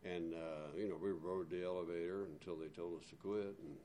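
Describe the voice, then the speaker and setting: Very deep-voiced older barber. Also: male voice, steady tone, fairly quick, dark tone, a little hiss or hum. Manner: easygoing, reminiscing, hesitant fillers. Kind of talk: casual conversation.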